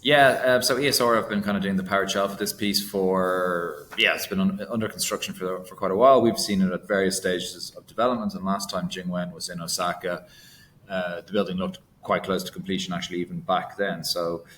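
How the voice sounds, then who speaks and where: A man with a low voice co-hosts a casual industry podcast. He talks haltingly and often stops to restart his sentences. A faint rumble runs under his voice. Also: steady tone, fairly bright tone. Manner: hesitant, many fillers and restarts. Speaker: podcast co-host, analyst.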